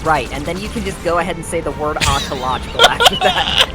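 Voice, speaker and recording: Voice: mid-range voice, fast talker, over music. Dry, teasing gamer co-host. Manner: dry teasing, deadpan jabs. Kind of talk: casual gaming chat.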